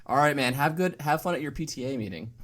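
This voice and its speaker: A man hosting a podcast in a relaxed chat, joking and teasing his guest. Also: fast talker, a crowd in the background. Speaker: podcast host. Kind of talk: casual chat. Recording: clear background rumble.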